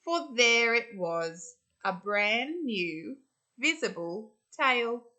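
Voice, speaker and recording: An Australian woman with a fairly high voice reads a storybook aloud to children, expressive and deliberate like a school storyteller.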